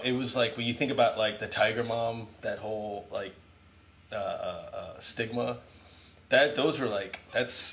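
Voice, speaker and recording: A man's voice: on the low side, a bit bright. A man interviewing a guest in a casual, rambling way, full of fillers. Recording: faint background noise.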